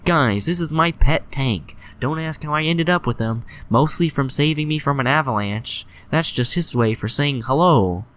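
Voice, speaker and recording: A man voicing an excitable young female pegasus pony, halting and full of "uh" fillers, in an amateur fanfic reading. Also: a little high, voice pushed up, natural voice. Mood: giggly.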